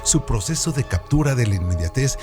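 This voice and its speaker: A male presenter reads scripted literary trivia as educational narration, his intonation very animated and varied. He teaches through rhetorical questions, speaking briskly at medium pitch over faint background music.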